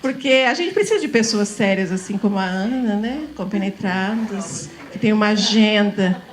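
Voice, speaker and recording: This middle-aged woman from São Paulo, Brazil, has a medium-pitched voice and speaks at a moderate pace. She delivers a relaxed, chatty lecture to teachers, often laughing and asking the room to agree with her.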